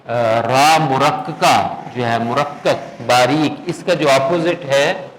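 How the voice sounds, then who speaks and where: A man teaching Quran recitation in a classroom lesson, patiently asking his students whether they follow and slowly drawing out words to demonstrate. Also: mid-range voice, slight background noise, rough recording. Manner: patient, checks understanding with frequent questions.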